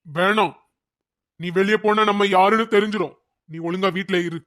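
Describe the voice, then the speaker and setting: A voice actor playing a stern, protective old grandmother in a cartoon, with a deep pitched-down voice and a firm, scolding way of talking. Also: steady tone, normal speed, a bit bright, close to an everyday voice. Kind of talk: cartoon voice acting.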